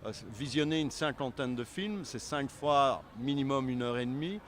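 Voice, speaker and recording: A man's voice: medium pitch, moderate pace. A man giving conversational, explanatory interview answers, rephrasing as he goes. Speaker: film selection association member being interviewed. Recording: faint background city noise.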